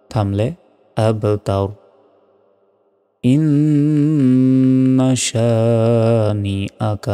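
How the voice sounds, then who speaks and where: A low-pitched, even-voiced man teaching Quran recitation patiently. His tone is mellow and smooth, and he spells out the letters slowly before reciting them drawn out. The voice carries a long hall reverb, with faint music underneath.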